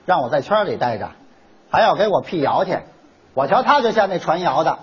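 A man, performing comic crosstalk as the straight man who fires back quick, indignant retorts. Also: a little high, very animated, slightly rough. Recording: dull lo-fi recording.

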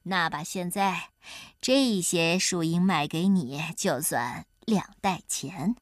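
A woman voicing a clever, sly folk-hero man in a children's storybook reading, calm and teasing. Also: fairly low pitch, dry recording, studio quality, voice pushed down. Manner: calm, teasing, deliberately slow. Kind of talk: storybook character voice.

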